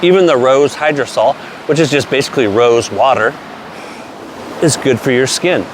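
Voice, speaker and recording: Over a noisy background, a forties-something man talks through shaving products in a relaxed review, his voice medium-pitched and at normal speed. He's keen, straightforward, and a bit profane now and then. He's in his late forties.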